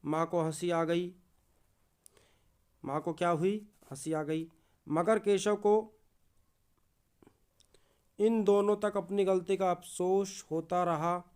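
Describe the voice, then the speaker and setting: Teacher guy reading a story slow, keeps quizzing the class, smooth clear voice. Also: high-pitched, level tone, a little mellow. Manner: repeats key words as quiz questions to students. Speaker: Hindi teacher. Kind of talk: reading and explaining a textbook story.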